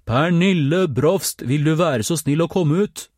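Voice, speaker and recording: A man voicing a heavy-footed police officer who calls out loudly and slowly into a house. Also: on the high side, no echo, studio quality, voice pushed up, close to an everyday voice. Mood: calling loudly.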